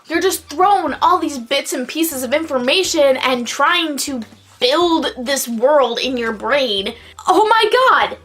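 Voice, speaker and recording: High and a bit bright, this woman's voice belongs to a vlogger who's had a few drinks and is doing a profane, casual review. Her delivery is rambling and exclamatory, drawing out stressed words.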